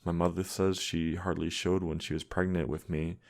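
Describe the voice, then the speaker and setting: A man narrating a scripted horror story with a measured, steady delivery. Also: low voice, vocal fry. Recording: music playing underneath.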